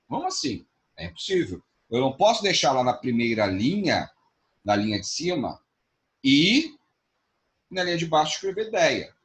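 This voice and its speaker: Brazilian male teacher, mid-pitched, explanatory lecture manner, checks in with students often. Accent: Brazilian Portuguese. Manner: explanatory, with frequent tag questions. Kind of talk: online class lecture.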